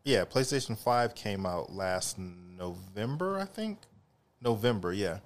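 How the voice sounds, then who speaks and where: A man co-hosting a casual podcast chat, explaining things at length in a relaxed way. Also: lowish voice, measured pace. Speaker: podcast co-host.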